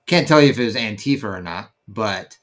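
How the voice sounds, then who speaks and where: A man's voice: lowish voice, animated, fairly quick. A man co-hosting a podcast in casual chat, rambling and often stopping to search for words. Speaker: podcast co-host.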